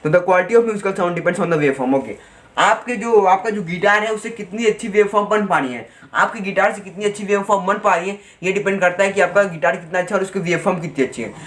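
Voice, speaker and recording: A man teaching a physics lesson online, chatting with students and reading textbook lines out slowly. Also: sits high, a bit bright. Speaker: physics tutor.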